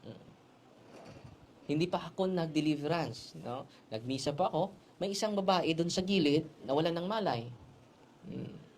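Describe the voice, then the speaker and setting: A male priest preaching a sermon who tells stories and keeps adding quick tag questions, switching languages as he goes. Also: a little high, lively intonation, a little hiss or hum. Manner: storytelling with frequent tag questions; mixes Tagalog, Cebuano and English.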